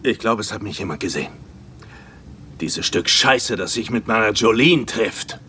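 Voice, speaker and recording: A bumbling henchman in a film dub, hesitant and sheepish when he reports. His voice is bright and mid-pitched. A faint noise sits under the soundtrack. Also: lively intonation, normal speed. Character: bumbling henchman, adult man.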